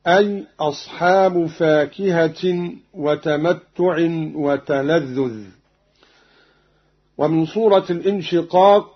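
Slow, measured man on old radio. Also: on the high side, husky. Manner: measured, deliberate delivery, slowing further for quoted verses. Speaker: radio presenter of a Quran recitation program. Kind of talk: formal broadcast explanation of Quran reading variants. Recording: dull lo-fi archive radio recording.

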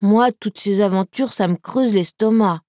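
A woman's voice: mid-range voice, measured pace, mellow, no room sound, studio quality, lightly acted. A woman voicing a greedy male puppy who is always hungry, with a whiny, food-obsessed manner. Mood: hungry whine.

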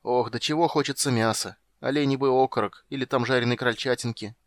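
A man's voice: medium pitch, fairly even intonation, brisk, no room sound, clean studio sound, natural voice. A man reading an audiobook, voicing a big, good-natured young warrior who complains plaintively about food. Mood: whiny hungry. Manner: whiny, plaintive. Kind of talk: audiobook character voice.

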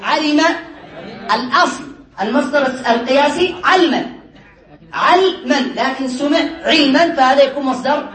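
A man teaching a class on word patterns, quizzing his students often and slowing down to stress each pattern. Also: very high-pitched, a bit bright. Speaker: teacher of Arabic morphology. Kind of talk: classroom lesson. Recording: roomy classroom from a distant mic with class murmur.

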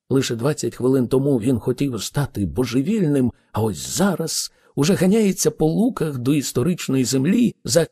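A man narrating an audiobook in a measured storytelling manner. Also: mid-range voice, mellow, breathy edge. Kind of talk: scripted narration.

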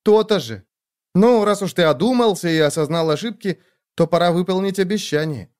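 A man's voice: sits high, brisk, a little mellow, voice pushed up, natural voice. A man voicing a chatty young woman, a caring little sister who talks on and on. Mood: chatty, coaxing. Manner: talkative, eager and fussing.

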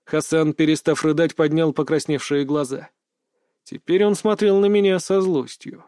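Male audiobook reader, fairly high voice, dry close sound, brisk gruff edge. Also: steady tone, warm tone, no room sound. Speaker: audiobook narrator. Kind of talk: first-person fantasy audiobook narration.

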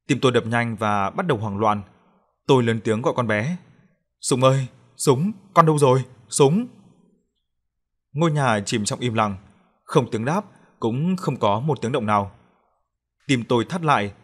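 A man reading a first-person horror story aloud as an audiobook narrator, in a calm, steady way. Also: medium pitch.

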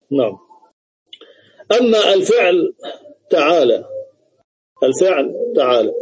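Husky, mellow-voiced man teaching grammar. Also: fairly high pitch, low-quality recording. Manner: deliberate, repeats each example several times. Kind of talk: classical grammar lesson. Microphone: online video call.

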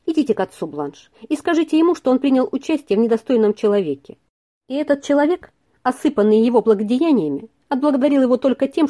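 A woman reading aloud and voicing a gentle young man who speaks earnestly and with trembling feeling. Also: on the high side, close to an everyday voice. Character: gentle young male tutor in love.

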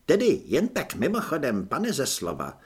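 A man's voice: medium pitch, huge pitch swings, husky. A man doing an eager clever young soldier. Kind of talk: audiobook character voice.

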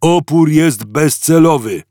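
A man's voice: a little high, big pitch swings, darkish tone, no room sound, studio quality, pitched above the performer's own voice, exaggerated voice. A man doing a huge, dim-witted alien guard. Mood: bellowing. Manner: bellowing, slow-witted.

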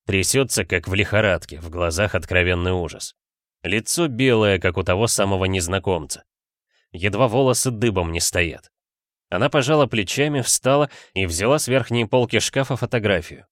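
Low-voiced man narrating an audiobook. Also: normal speed, fairly bright tone, no room sound, clean studio sound. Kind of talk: scripted narration.

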